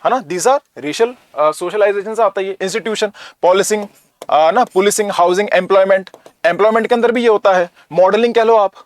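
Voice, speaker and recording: Lecturing male teacher from North India, higher voice, tends toward rhetorical questions. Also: brisk, dry recording. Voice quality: Hindi mixed with English, conversational.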